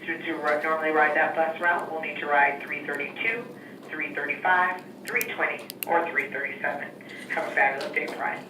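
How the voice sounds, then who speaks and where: Guy on the school intercom, kinda high flat voice, echoey speaker way off in the room, hissy. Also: a little fast, far from the mic. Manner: even, repetitive announcing tone. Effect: school intercom loudspeaker. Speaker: school staff making an announcement. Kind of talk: routine PA announcement. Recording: echoey classroom loudspeaker heard from afar with noise.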